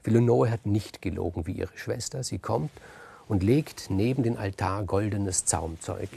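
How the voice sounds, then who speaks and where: A man freely retelling a myth in a lively, conversational way, with asides. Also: lowish voice, moderate pace, gravelly, breathy edge. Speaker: storyteller. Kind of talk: free oral retelling of a myth.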